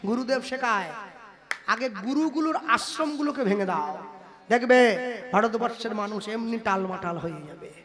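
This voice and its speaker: A man performing a devotional kirtan sermon, telling stories with joking, chuckling asides and swelling into loud sung calls. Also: very high voice, lively intonation, normal speed, crowd noise. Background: devotional music.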